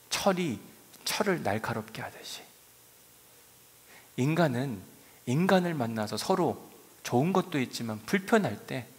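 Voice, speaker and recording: A middle-aged male pastor preaching a sermon, telling stories with lively swings between soft asides and raised emphasis. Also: a little high, slightly rough. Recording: long hall reverb.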